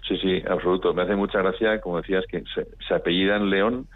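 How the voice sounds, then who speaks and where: Over what sounds like a phone-like radio link, a documentary filmmaker from Pamplona is interviewed, speaking casually and anecdotally with a northern Spanish accent. He has a deep, steady voice and a brisk pace, and the recording is dry.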